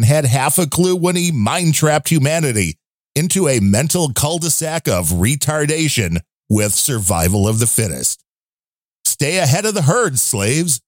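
A man reading a listener's ranting letter in a lower, subdued, mock-serious character voice. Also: dry recording, clean studio sound.

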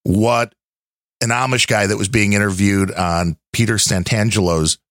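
A man's voice: on the low side, steady tone, moderate pace, fairly bright tone, dry recording, studio quality. A man hosting a casual podcast, talking in a conversational, skeptical way with long, wandering explanations. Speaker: podcast host.

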